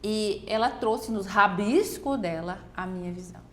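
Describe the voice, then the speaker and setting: A woman telling a personal faith story in casual conversation, animated and often acting out what others said. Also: mid-range voice, normal speed. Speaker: guest. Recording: faint background noise.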